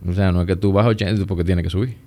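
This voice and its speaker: A man with a Dominican accent, chatting as a guest and telling stories in a relaxed, easygoing way. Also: low-pitched, very fast. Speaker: guest, plastic surgeon. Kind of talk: casual conversation.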